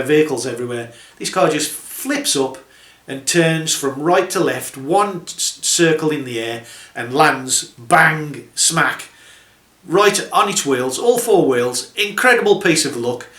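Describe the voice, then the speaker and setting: A middle-aged man spins road anecdotes with dry, sardonic wit and a chuckle behind the punchlines. His voice sits a touch high and rings bright and forceful. The sound bounces around an echoey room. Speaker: truck driver telling stories. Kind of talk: casual anecdotal storytelling.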